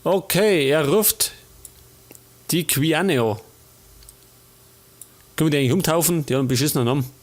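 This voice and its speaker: A man's voice: a little high, moderate pace, long pauses. A man with a Bavarian accent casually commenting on a life-sim game as a let's play host, chatting and grumbling at the characters.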